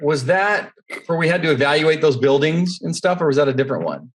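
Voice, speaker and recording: A man's voice: on the high side, lively intonation, fairly quick. A man hosting a casual interview, laid-back and jokey. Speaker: podcast host.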